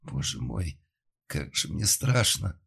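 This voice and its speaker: A man voicing a frightened young woman who recalls her past slowly and haltingly under hypnosis, in an audiobook. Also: a bass voice, sing-song, gravelly, a bit bright, breathy edge, full character voice.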